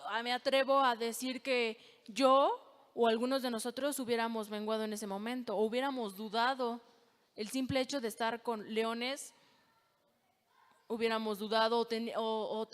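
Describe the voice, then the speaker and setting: A woman preacher giving an earnest, emphatic sermon, reading scripture aloud and pausing often. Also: on the high side. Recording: long reverb of a large hall.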